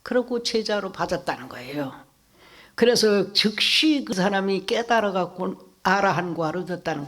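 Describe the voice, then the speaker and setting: Brief: Buddhist monk, sermon in a temple hall, mid pitch, chatty, quizzes listeners. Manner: conversational, quizzes the audience. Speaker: Buddhist monk giving a dharma talk.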